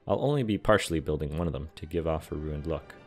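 A young man giving a calm, matter-of-fact scripted voice-over explaining how he builds a large model. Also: extremely low pitch, fast. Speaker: scale model and terrain builder. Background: soft background music.

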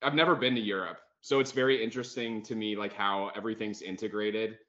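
This American guest in his thirties talks fast, with a fairly low, bright and forceful voice and fairly even intonation. Over muffled video-call audio he chats casually with the podcast host, relaxed and leaning heavily on "like."

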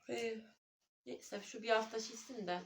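A woman's voice: on the high side, steady tone, a little slow, creaky, a little hiss or hum. Chatty woman vlogging from home. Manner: chatty, keeps calling viewers dear friends. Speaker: vlogger and mother. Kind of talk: casual home vlog chat. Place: at home indoors.

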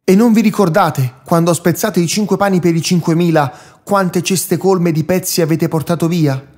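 A man's voice: on the high side, steady tone, unhurried, a little mellow. A man reading the words of Jesus as a grave, patient teacher in a solemn, admonishing Bible reading. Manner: solemn, admonishing, rising in reproach.

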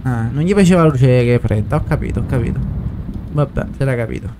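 A man commentating a horror game, swearing and yelling in fright. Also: medium pitch, lively intonation, quick pace, background noise. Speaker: gameplay streamer. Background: game music.

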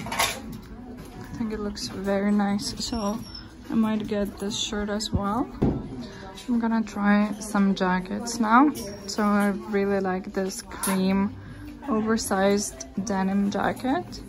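A young woman chatting casually as she films a clothing try-on in a store fitting room, holding her phone at arm's length. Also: mid-range voice. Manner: relaxed, chatty, enthusiastic about clothes. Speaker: fashion vlogger. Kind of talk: casual try-on haul narration.

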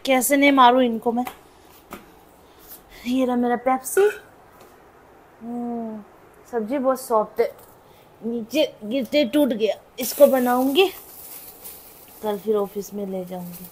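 A young woman chats casually with viewers in a vlog filmed in her small room at home, slipping English words into her speech. She talks slowly with long pauses in a fairly high, slightly mellow voice, and there is a little hiss or hum.

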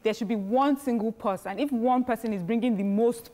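A woman, a panel guest speaking in a measured way and adding short agreements. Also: fairly high pitch, warm tone. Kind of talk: casual panel discussion. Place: TV studio set.

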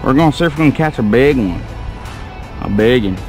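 On an open lake, a young fishing vlogger films himself from a kayak with an action camera, chatting casually and hollering whenever fish bite. His mid-range voice is expressive, fairly quick and darkish, with faint music behind him.

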